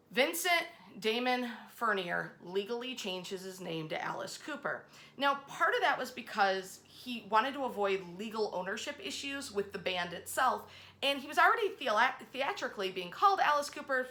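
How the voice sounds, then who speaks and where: A woman with a mid-range, sharp-toned voice hosts an informal session of local history stories. She tells them dramatically and conversationally, leaning hard on emphatic phrasing.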